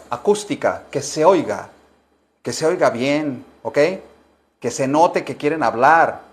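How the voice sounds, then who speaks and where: A man gives an English lesson to Spanish speakers in a slightly high, unhurried voice. He keeps urging the class to repeat after him. He slows down to stress each English word. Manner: coaxing, repeats words for students to echo. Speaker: English teacher.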